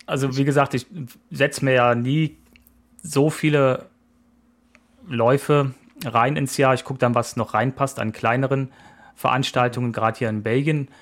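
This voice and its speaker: A podcast co-host in his forties chats casually at a moderate pace, his medium-pitched voice staying fairly even. He's easygoing and rambling, hesitating often as he talks.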